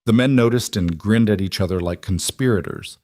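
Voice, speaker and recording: A man narrating a western story in an even, measured way. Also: lowish voice. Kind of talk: scripted narration of a western romance.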